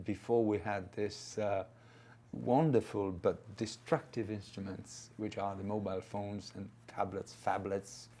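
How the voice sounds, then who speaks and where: A fifty-year-old man answers interview questions slowly and reflectively. He pauses often on fillers, and his voice sits a little low. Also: a little mellow. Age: 50s.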